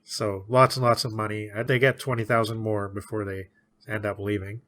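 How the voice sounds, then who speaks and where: A man's voice: on the low side, flat delivery, fairly bright tone. A man co-hosting a podcast, chatting casually about a book, laughing often. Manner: chatty, laughs often, puts on quick voices for characters. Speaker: podcast co-host.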